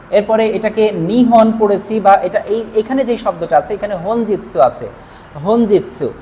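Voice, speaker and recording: A woman whose first language is Bengali teaches a language class, writing as she talks and repeating each reading slowly and patiently. Her voice sits at a middle pitch for a woman. A faint hiss of background noise runs under the recording. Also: darkish tone. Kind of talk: whiteboard language lesson.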